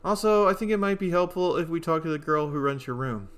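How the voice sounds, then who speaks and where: A man's voice: on the high side, steady tone, a little fast, a bit bright, clean tone, faint music behind, natural voice. A man voicing an FBI agent in a game, asking formal, polite questions. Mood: businesslike.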